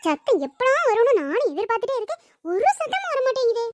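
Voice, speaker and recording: A woman's voice: extremely high pitch, very animated, fast, a little mellow. A woman voicing a scheming, gossiping village woman in a cartoon drama, talking in a sly, conspiratorial way. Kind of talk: cartoon family drama dubbing.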